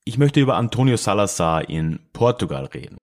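A man's voice: on the low side, big pitch swings, fairly quick, darkish tone, soft background music. A man giving a casual spoken history talk, thinking aloud with restarts and small asides. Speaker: podcast host explaining history.

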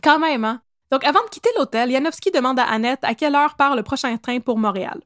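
A woman's voice: sits high, fast talker, a bit bright, dry recording, studio quality. A woman with a Québécois accent telling a history story on a podcast in a playful, casual way, laughing and correcting herself as she goes. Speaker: podcast co-host.

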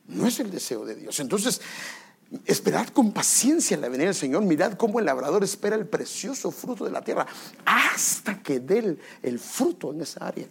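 A man's voice: high voice, very animated, normal speed, creaky, breathy edge. A male pastor giving a sermon, building to emphatic exhortation and acting out quoted voices.

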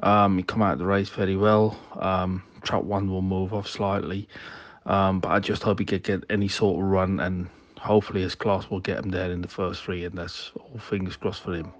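A male greyhound trainer giving a brief, halting update on his dog with plenty of ums. His voice is deep and monotone. The clip sounds dull and lo-fi. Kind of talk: short recorded interview clip.

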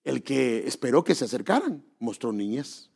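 A man's voice: medium pitch, very animated, normal speed, creaky, darkish tone, slightly rough. A man preaching a sermon, earnestly exhorting his congregation and asking them rhetorical questions.

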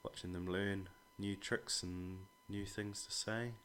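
A man's voice: sits low, flat delivery, slow, fairly bright tone, a little hiss or hum. A man with an Australian accent chatting casually as a podcast guest, in a laid-back, blokey way that includes some swearing. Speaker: podcast guest, a father talking about his children. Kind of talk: casual conversation.

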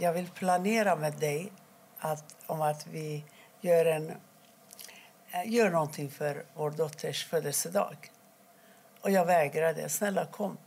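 Gravelly husky-voiced woman telling her story. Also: lowish voice, darkish tone. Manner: halting, with restarts and quoted dialogue. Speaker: interviewee. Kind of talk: personal account in an interview.

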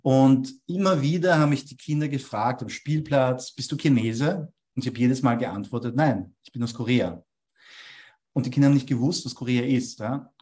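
A man's voice: medium pitch, normal speed, a little mellow. Man who keeps asking "ja?". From Austria. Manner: tags statements with a questioning "ja?". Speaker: copywriting expert guest. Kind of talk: explanatory interview talk.

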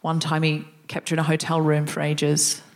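A woman hosting a comedy podcast, chatting casually and telling stories with animated emphasis. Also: deep voice, moderate pace.

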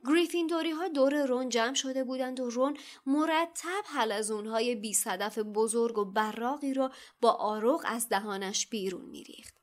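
A woman, a podcast co-host, reading a novel passage aloud in a steady, even way. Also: a little high.

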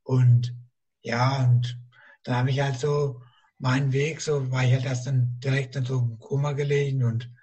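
A man guest in a casual interview, speaking with a rough, strained voice and a halting way of repeating himself. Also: medium pitch, level tone, dark tone, muffled recording.

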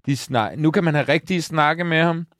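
A man in his thirties co-hosts a casual podcast chat, his voice a little high and somewhat bright, recorded at studio quality with no room sound. He rambles and corrects himself with many restarts, fondly telling stories about his young son.

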